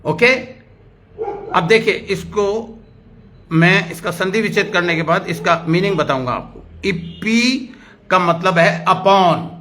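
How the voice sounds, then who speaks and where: A middle-aged man with an Indian accent preaching a sermon, spelling out words slowly like a teacher and mixing in English phrases. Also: high-pitched, bright, forceful tone. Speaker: pastor.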